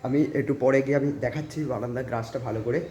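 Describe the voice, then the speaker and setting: A man's voice: medium pitch, steady tone, quick pace, dark tone, a little hiss or hum. A man chatting casually as a vlogger, showing his home and scattering English fillers as he rambles. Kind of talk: casual vlog chat. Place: walking around his home.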